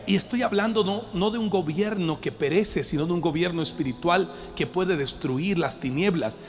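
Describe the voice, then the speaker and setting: A man's voice: high voice, moderate pace. Emphatic male pastor in a reverberant hall. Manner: emphatic, calls on the congregation to respond. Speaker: pastor teaching a Bible study. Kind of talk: sermon-style Bible teaching. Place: church hall with a live audience. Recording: long hall reverb with faint background music.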